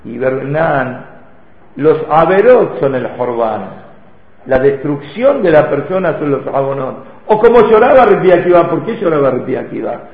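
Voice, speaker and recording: This high-voiced Torah teacher speaks at a normal speed with a sing-song lilt, using storytelling and rhetorical questions in a religious lesson for a live audience. The setting is an echoey hall, captured with thin, phone-like, lo-fi sound.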